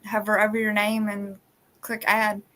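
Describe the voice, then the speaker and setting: Woman, live stream host, casual chat, bright tone, phone mic. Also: mid-range voice, completely flat delivery, moderate pace. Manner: rambling, with many restarts.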